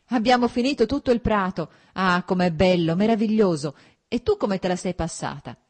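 A woman voicing a cheerful, energetic young man, a landowner in an audiobook, speaking with eager exuberance. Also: on the low side, moderate pace. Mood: elated.

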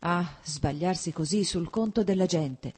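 Woman reader as a fretful older mother, plaintive and reproachful, husky. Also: on the low side, a little slow, a little mellow. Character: anxious tearful older princess, a mother.

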